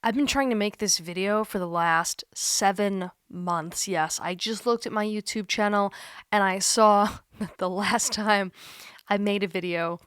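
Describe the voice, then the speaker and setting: A woman in her thirties talking candidly to camera from a creaky chair at home, earnest and self-deprecating, laughing at herself now and then. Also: medium pitch, unhurried, fairly bright tone, no echo, clean studio sound. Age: 30s. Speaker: YouTuber. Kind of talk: candid reflective monologue.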